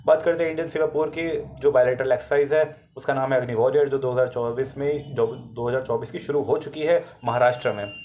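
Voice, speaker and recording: A man's voice: medium pitch, fairly even intonation, fast talker, few pauses, darkish tone, a little hiss or hum. A man with an Indian accent and a sore throat, explaining current affairs for exam students in a casual, chatty way, mixing Hindi with English and correcting himself as he goes.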